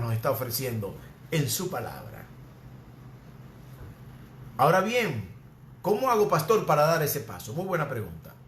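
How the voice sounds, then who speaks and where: A Venezuelan man preaches from the pulpit in a slightly high voice, circling back to the same emphatic refrain again and again. The recording carries an echoey church room with a faint hum of background noise. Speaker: pastor. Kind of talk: sermon. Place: church sanctuary.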